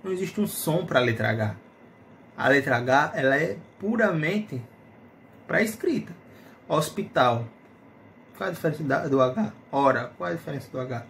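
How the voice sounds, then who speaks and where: A man's voice: on the high side, expressive, moderate pace, creaky, fairly bright tone, a little hiss or hum. A man teaching a phonetics lesson in Portuguese, explaining patiently and often checking in with his students. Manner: explanatory, checks in with tag questions.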